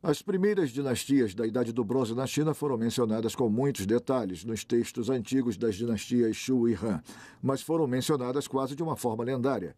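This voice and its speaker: A man gives a measured scholarly explanation as a documentary expert's voice-over. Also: medium pitch, dark tone, slight background noise.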